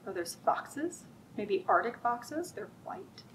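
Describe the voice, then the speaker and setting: A middle-aged children's librarian hosts storytime in a library room lined with bookshelves, reading and chatting in simple words. Her voice is on the high side, with big pitch swings and a slow pace, and she keeps asking the young listeners easy questions. The distant mic picks up audible room noise.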